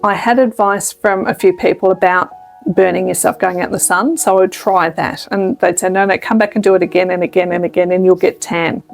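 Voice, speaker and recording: A woman's voice: on the low side, steady tone, brisk, gravelly, faint music behind. An Australian woman in her fifties, a radio presenter, speaking candidly and thoughtfully as an interview guest. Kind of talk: reflective interview conversation.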